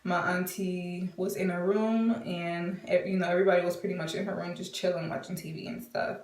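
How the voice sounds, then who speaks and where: A woman's voice: fairly low pitch, fairly even intonation, a little fast, darkish tone. A woman in her twenties telling a casual storytime, chatty and full of fillers, acting out what people said. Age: 20s. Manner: chatty, many fillers, acts out quotes. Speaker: vlogger. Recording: roomy, from a distance.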